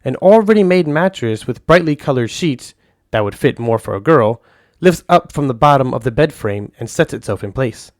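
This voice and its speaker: A man narrating a first-person audio story in a calm, soft-spoken way. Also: medium pitch, moderate pace, dry recording, clean studio sound.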